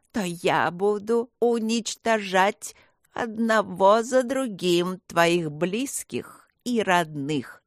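A woman voicing a demonic evil spirit that possesses a young girl, speaking in a slow, creaking, droning, inhuman voice. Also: lowish voice, dry recording, clean studio sound. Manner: slow, menacing, mocking.

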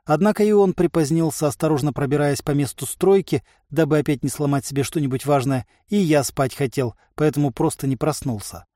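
A man narrating an audiobook in a steady, wry storytelling manner. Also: on the high side, fairly quick, hardly any pauses, dry recording, studio quality. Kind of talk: audiobook reading.

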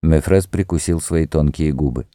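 A man narrating an audiobook in a measured, even reading. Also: extremely low pitch, no room sound, studio quality. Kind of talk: scripted narration.

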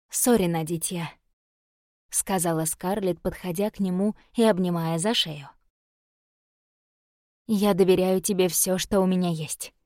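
Audiobook narrator, female, steady measured delivery, dry close mic. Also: lowish voice, no echo. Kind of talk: scripted narration of a romance novel.

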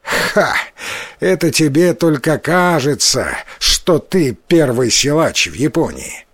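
A man's voice: a little high, lively intonation, takes it slowly, no room sound. A man doing a boastful mighty strongman. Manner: loud, mocking, proud. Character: boastful mighty young male folk-tale strongman.

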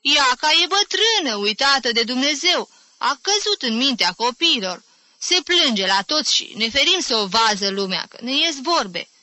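A woman voicing a genteel older aunt who speaks with affected calm, in an audiobook reading. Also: sits high, dry recording, voice pushed up, full character voice. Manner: affected, slow, refined.

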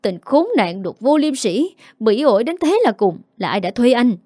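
Woman reading as a wronged young wife, shrill and rushed, mellow tone, dry recording. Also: animated, dry recording, lightly acted. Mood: furious. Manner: shrill, accusing, talks fast.

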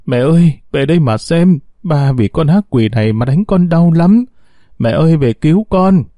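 Man doing a shrill spoiled young woman. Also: animated, moderate pace, dark tone, no room sound, studio quality, lightly acted. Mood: wailing. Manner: shrill and screaming. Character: spoiled hysterical young woman, wailing daughter.

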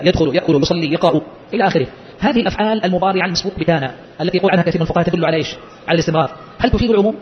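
A man teaching Islamic legal theory, explaining a text and quizzing his listeners with quick rhetorical questions. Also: high-pitched, dull audio, slight background noise.

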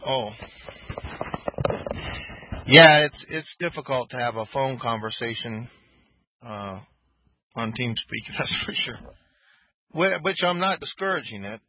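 A man calling in to a talk show over voice chat, hesitant and halting. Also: medium pitch, expressive. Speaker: caller. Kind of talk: casual chat on voice chat. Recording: dull lo-fi online voice chat.

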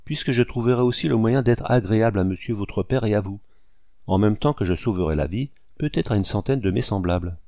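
A man voicing a young French lieutenant, measured and coolly polite in a read-aloud story. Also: fairly low pitch, creaky, warm tone, no echo. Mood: earnest. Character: young French male lieutenant, calm and principled.

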